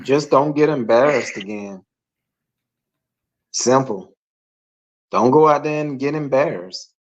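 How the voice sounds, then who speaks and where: A man's voice: medium pitch, slow, dull audio. A man joining a live-stream chat as a guest, frank and plain-spoken, repeating his points. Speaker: guest co-host. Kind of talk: casual sports chat. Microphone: video call.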